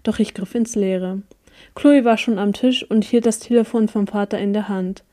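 A woman narrating a first-person story as an audiobook reader, with an even storytelling delivery. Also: medium pitch, moderate pace.

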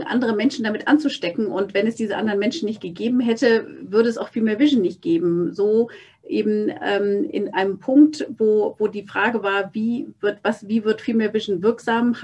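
Husky-voiced woman, searching for words. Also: medium pitch, darkish tone. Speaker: guest, founder. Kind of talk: conversational interview. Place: office space.

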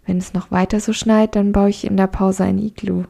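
Woman playing a shy young woman, light and joking, mellow and gravelly, in a storybook read. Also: medium pitch, flat delivery, fairly quick. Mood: bantering.

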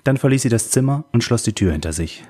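A man calmly narrating a novel as an audiobook reader. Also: mid-range voice, fast. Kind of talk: scripted narration.

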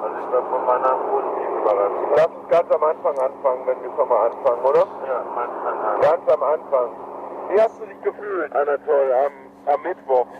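Man on a very noisy, muffled cassette recording. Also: fairly quick. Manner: low quality stream sound, muffled and noisy. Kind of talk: casual chat recorded on a road trip. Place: inside a moving car. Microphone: old cassette dictaphone. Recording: muffled lo-fi cassette dictaphone, loud vehicle noise.

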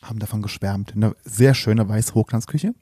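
A man chatting casually on a podcast, telling stories in an animated, exaggerated way. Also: on the low side, moderate pace, slightly rough, no room sound, studio quality. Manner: animated storyteller who exaggerates for laughs. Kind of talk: casual chat.

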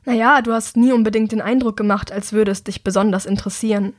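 A woman's voice: medium pitch, steady tone, fast talker, no echo, studio quality, natural voice. A tense, withdrawn young man, read by a woman. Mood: strained.

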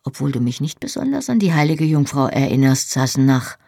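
A tender young Scottish husband murmurs low and teasing, as an audiobook reader puts him on. The voice is gravelly and a touch husky, close and dry, with little pitch swing. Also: sing-song, brisk, no room sound. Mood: intimate, playful. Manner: soft, intimate, often whispered. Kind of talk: audiobook reading.

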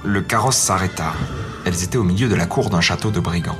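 A man calmly reading a fairy tale aloud as narrator. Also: deep voice, fast talker. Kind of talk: scripted storybook narration. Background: faint music.

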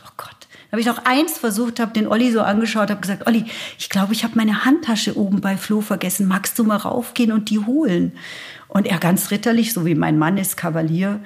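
A woman, telling a personal story as an interview guest and acting out the dialogue. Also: medium pitch. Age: 60s. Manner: animated, acts out dialogue.

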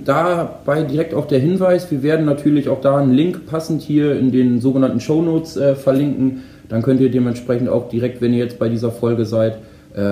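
A man with a mellow, medium-pitched voice hosts a company podcast, greeting guests in a friendly, casual way with frequent filler sounds. It's a casual moderated podcast chat, recorded with a roomy echo.

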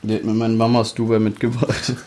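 A man's voice: lowish voice, monotone, fast, a little mellow. A young man co-hosting a podcast, teasing and blunt in casual banter. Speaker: podcast co-host.

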